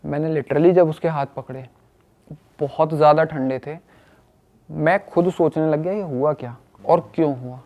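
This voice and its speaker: Young male storyteller, fairly high voice, animated delivery, acts out quotes. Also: moderate pace, highs cut off. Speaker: guest telling a personal story. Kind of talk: casual storytelling.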